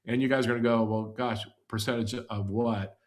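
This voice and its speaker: A man's voice: medium pitch, steady tone, fairly quick. A man co-hosting a podcast, explaining data and charts in a rambling, casual way. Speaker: podcast co-host.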